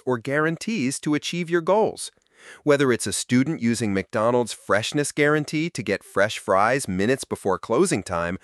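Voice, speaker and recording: A man's voice: mid-range voice, no room sound. Guy reading a scripted lesson, explains evenly, voice moves up and down a lot, dry. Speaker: narrator. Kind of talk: scripted narration.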